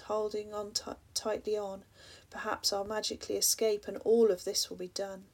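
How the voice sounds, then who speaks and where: Husky, gravelly woman reading poetry. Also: medium pitch. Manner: soft, often breathy half-whisper, addressing the listener with reflective questions. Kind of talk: spoken-word poetry reading.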